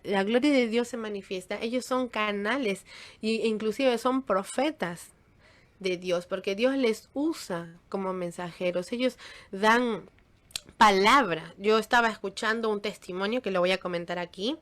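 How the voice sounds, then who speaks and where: A woman's voice: medium pitch, fairly bright tone. A woman giving an informal Bible teaching in a conversational way, full of fillers and restarts.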